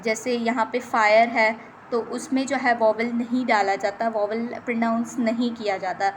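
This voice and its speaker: A woman from Pakistan teaching a lecture on English dialects, explaining in Urdu with English terms and slowly reading out English passages. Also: on the high side, steady tone, slight background noise, poor audio. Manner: often adds "theek hai" between points.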